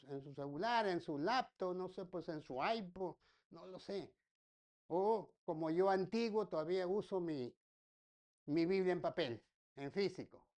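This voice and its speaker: A woman's voice: mid-range voice, a little mellow. A woman pastor preaching a sermon, repeating her points and tossing rhetorical questions and folksy joking asides to the congregation.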